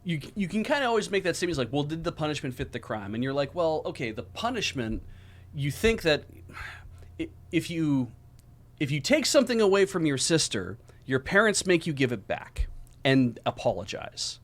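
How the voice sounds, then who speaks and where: A man's voice: a little high, sing-song, normal speed. A middle-aged man co-hosting a casual discussion, rambling through points with everyday examples. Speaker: co-host.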